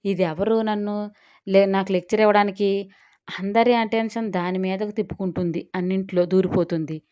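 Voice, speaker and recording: A woman's voice: medium pitch, steady tone, brisk, dark tone, muffled recording, lightly acted. A woman voicing a spoiled, jealous young woman who answers back with sulky, biting retorts. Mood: fuming.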